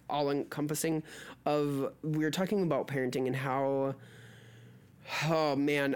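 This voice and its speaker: A woman co-hosting a podcast with casual, rambling, playful chat. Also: low voice. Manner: playful, jokey, scattered. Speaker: podcast co-host.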